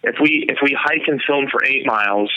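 A man's voice: mid-range voice, moderate pace, no echo, dull audio. A man who makes hunting films, explaining his process in a casual interview, rambling with fillers and restarts. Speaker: hunting filmmaker guest.

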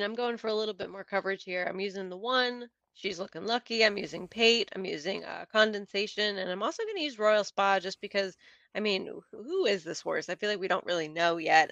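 A woman joins a casual podcast as a guest and lays out her picks with brisk, detailed analysis. She talks in long explanatory runs with a mid-range voice. She is recorded close and dry. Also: medium pitch, a bit bright, no echo. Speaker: podcast guest and horse racing handicapper.

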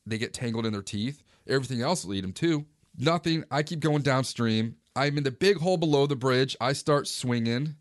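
A man in his forties, a fishing vlogger, casually recounting a day on the river in a relaxed, conversational way. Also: medium pitch, a little fast, dry recording, studio quality. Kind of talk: casual first-person storytelling.

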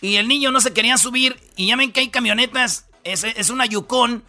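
Bright-voiced Mexican radio host, slangy. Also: male voice, extremely high pitch, brisk, faint music behind. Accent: Mexican Spanish. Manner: rambling, slangy, jokey storytelling. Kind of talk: comic news rundown.

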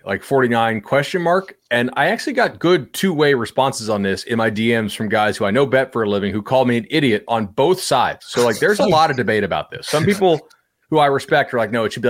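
A man talking casually on a podcast as a sports betting analyst, animated and chatty with lots of fillers. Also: mid-range voice.

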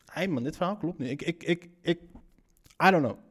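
Guy doing a reaction commentary, kinda high voice, blunt, swears a lot, keeps tripping over his words. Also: lively intonation, normal speed, a bit bright. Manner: blunt, incredulous, swears, stumbles and repeats words.

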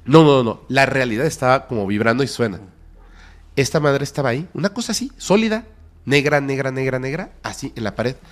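A man's voice: medium pitch, lively intonation, fairly quick. Mexican man telling a spooky tale. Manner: dramatic, drops to whispers and bursts of loudness. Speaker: podcast guest. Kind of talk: storytelling in a podcast interview.

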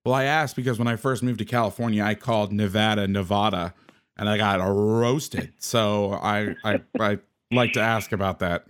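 A man's voice: lowish voice, fairly even intonation, moderate pace, hardly any pauses, smooth. Upbeat male podcast host. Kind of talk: casual podcast talk.

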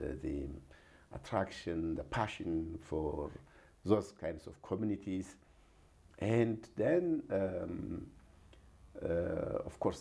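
A man's voice: deep voice, vocal fry, dark tone, breathy edge. A man from Ethiopia with an Ethiopian accent, telling his story in an interview, earnest and hesitant with many fillers. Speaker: guest, regional health program director.

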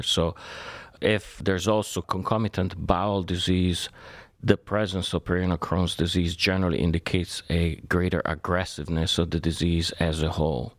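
A man from Italy speaks in a deep, low register, explaining things in a measured and formal way. His voice sits close and dry, with no room sound around it. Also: no room sound. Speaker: guest surgeon and researcher. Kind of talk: podcast interview.

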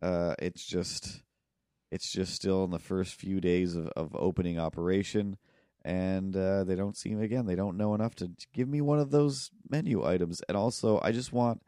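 Man, very low voice, dry close recording, podcast co-host, rambling storyteller. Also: fairly even intonation, moderate pace, no echo. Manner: rambling, acts out people yelling in loud bursts. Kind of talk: casual storytelling chat.

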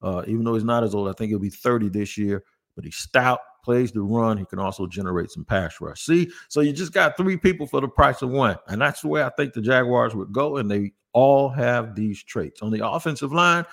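A man's voice: medium pitch, gravelly, fairly bright tone. A man hosting a sports podcast, talking through roster moves in a casual, conversational way and often repeating words for emphasis. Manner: conversational, thinks aloud with restarts and emphatic repeats. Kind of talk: casual sports talk with host-read ads.

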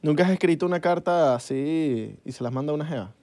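A man co-hosting a casual podcast, teasing and joking with quick asides. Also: fairly high pitch, expressive, mellow, dry recording. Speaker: podcast co-host. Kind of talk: casual chat.

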